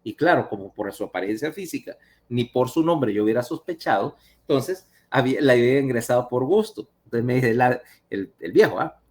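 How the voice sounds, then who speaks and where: Brief: conversational male lecturer with a mid pitch, over a video call link. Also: animated, fairly quick, a little mellow. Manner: chatty, asks listeners questions. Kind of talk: online lecture with anecdotes.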